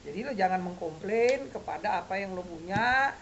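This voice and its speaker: A man, coaching a group of riders in a blunt, animated way and firing quick questions at them. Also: high voice, dull audio, a little hiss or hum. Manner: blunt, animated, quizzes listeners with rapid questions. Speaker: riding safety coach.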